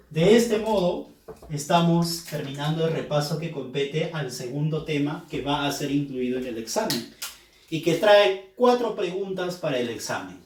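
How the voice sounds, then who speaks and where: A male teacher patiently walks through a review lesson and repeats each key term so it sticks. His voice sits a little high for a man. The sound is roomy and echoing, as if the mic were set some way off. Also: darkish tone, a little hiss or hum. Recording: roomy echo, mic at a distance.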